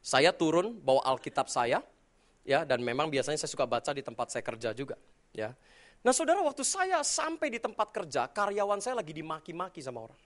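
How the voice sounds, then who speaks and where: Middle-aged male preacher, raised pitch, comic storyteller. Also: brisk. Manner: humorous animated storytelling, addresses the congregation often. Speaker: pastor. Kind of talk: sermon.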